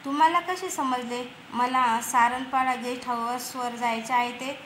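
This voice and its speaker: Woman reading a scared guy, hesitant anxious questions, high voice. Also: steady tone, a little slow, fairly bright tone, a little hiss or hum. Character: nervous man, a driver caught in a trap. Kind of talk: storybook reading.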